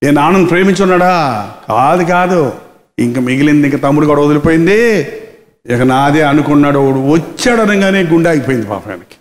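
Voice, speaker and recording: A man's voice: on the high side, brisk. A man preaching a live sermon, acting out characters and asking the crowd rhetorical questions. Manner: animated, acts out the characters in dialogue. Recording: echoey hall reverb.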